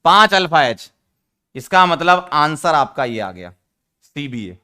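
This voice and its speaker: A man teaching an online chemistry lesson, teasing his students and repeating key rules slowly for emphasis. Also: on the high side, sing-song, bright, forceful tone, clean tone. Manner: teasing, addresses students as beta.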